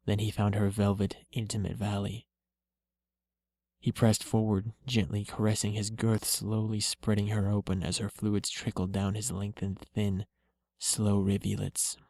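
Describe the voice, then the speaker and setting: Guy reading a story out loud, low gravelly voice, slow and even, pretty flat. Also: no echo. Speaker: reader.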